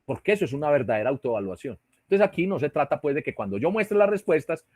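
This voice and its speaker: A male teacher with a Colombian Spanish accent lectures an online class via a computer mic on a video call, explaining and checking in with "¿sí?" and "¿cierto?". His slightly high voice has a darkish tone and a sing-song lilt, and he talks fast; the recording is dry with clean studio sound.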